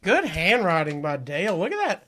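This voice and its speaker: A man co-hosting a casual snack-tasting show, talking in a playful, joking way with quick asides. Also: high voice, huge pitch swings, sharp tone. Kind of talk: casual chat.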